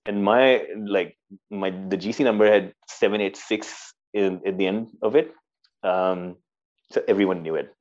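A former army cadet, now an interview guest, tells stories casually in a Pakistani accent, hesitating and often repeating his words. His voice is fairly low and a bit dark, at a normal speed, and the recording has its highs cut off.

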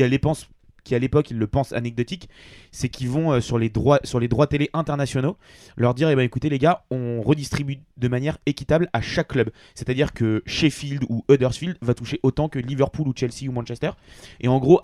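Fast-talking man with a mellow voice. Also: medium pitch, no room sound, studio quality. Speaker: podcast co-host. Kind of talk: casual football history chat.

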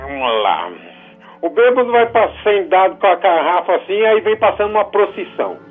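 A man calling into a radio show by phone, telling a joke with animated voices. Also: sits high, normal speed. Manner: animated storyteller. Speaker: caller, night porter. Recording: tinny phone line with music.

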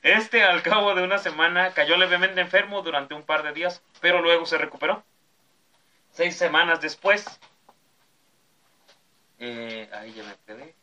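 A man's voice: fairly high pitch, normal speed, pauses often, pushed and bright, muffled recording. A man, hosting a podcast and reading history notes between jokes with his friends. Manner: reads steadily, breaks into laughs at jokes. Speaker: podcast host.

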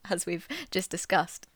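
A woman's voice: fairly low pitch, no echo. A woman co-hosting a podcast in casual, wry chat, laughing often. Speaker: podcast co-host.

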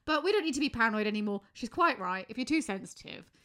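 A woman's voice: a little high, expressive, fast, sharp tone. Chatty woman podcast host. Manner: chatty, laughs easily, rambling tangents. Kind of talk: casual chat and scripted narration.

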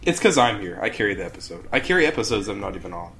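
A man's voice: fairly low pitch, big pitch swings, rapid-fire, creaky. A man co-hosting a podcast in casual chat, joking, swearing and laughing often. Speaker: podcast co-host. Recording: loud background noise.

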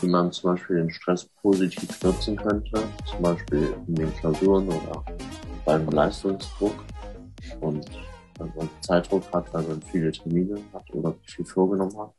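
A man's voice: low voice, steady tone, moderate pace, music in the background, rough recording. A young man, a student, hesitantly asking a question about exam stress. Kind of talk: reading out a question.

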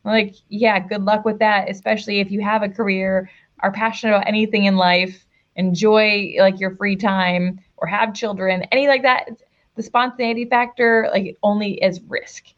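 A woman guest who speaks as a relationship coach, direct and emphatic in casual interview talk. Her voice sits at an ordinary middle pitch. The audio is dull and lo-fi, as if from a remote line. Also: steady tone, moderate pace.

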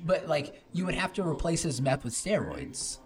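A man's voice: a little high, lively intonation, moderate pace. A man, a comedian guest on a podcast, telling rambling stories with many fillers and frequent laughter. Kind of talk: casual comedy podcast chat. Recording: live venue with crowd chatter behind. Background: crowd chatter.

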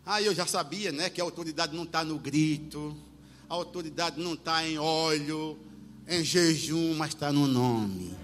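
A man preaching a sermon, telling a story with animated delivery, acting out voices and sometimes shouting. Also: fairly high pitch, a little slow, slight background noise. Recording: long hall reverb with faint music.

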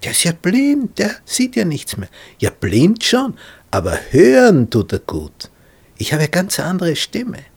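A nervous young man pleads and frets, his voice leaping high with worry, as a preacher acts him out. The tone is husky, and the delivery is drawn out and slow. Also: wildly swooping pitch, exaggerated voice. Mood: fretful. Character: young man Jakob, anxious and hesitant.

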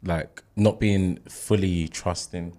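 A man's voice: deep voice, steady tone, slow pace, mellow. A young man chatting casually in a group, explaining in colloquial, repeated phrases.

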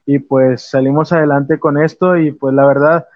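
Young man, halting and dull-sounding. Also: a little high, steady tone, a little mellow, dry recording. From Mexico. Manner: hesitant, many restarts and fillers. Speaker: musician guest. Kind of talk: casual interview answers.

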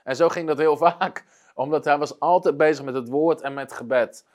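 A man's voice: fairly high pitch, normal speed. A man preaching, retelling a story earnestly, with frequent hesitations. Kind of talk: storytelling sermon.

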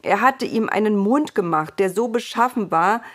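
A woman reading a storybook aloud in a calm, unhurried way. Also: medium pitch. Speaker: narrator.

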